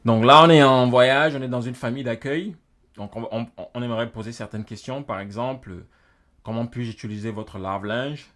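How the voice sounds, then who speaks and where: Guy going through english phrases slowly, says each one twice, normal pitch. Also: fairly bright tone. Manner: repeats each phrase in both languages, slows down for the English. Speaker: English teacher. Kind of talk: French-language English lesson, phrase by phrase.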